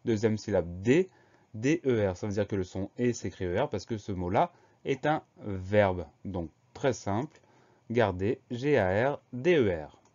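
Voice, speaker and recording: A man with a low, warm, mellow voice leads a spelling lesson. He breaks each word into syllables and spells it out slowly, letter by letter. The recording sounds a little dull and lo-fi. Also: lively intonation. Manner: slow, spells words letter by letter. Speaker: teacher.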